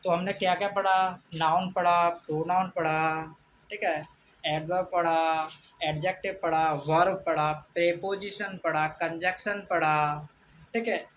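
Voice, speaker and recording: A man teaching an English grammar lesson, reading out examples slowly and repeating a filler after nearly every phrase. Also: high-pitched, fairly even intonation, fairly bright tone. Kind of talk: classroom lecture. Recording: distant mic with faint background noise.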